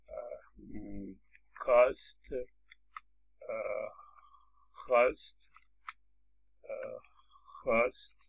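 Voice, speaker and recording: A man lecturing on linguistics in Persian, hesitant, with many drawn-out fillers and pauses. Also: on the low side, lo-fi sound. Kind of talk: recorded lecture.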